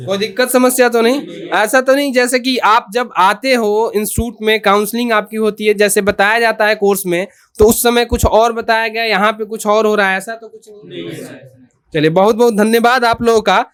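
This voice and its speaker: A man's voice: sits high, steady tone, normal speed, a bit bright, clean tone. A man hosting a promotional video in a repair lab, talking at length and asking short repeated questions. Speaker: host. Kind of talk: promotional interview.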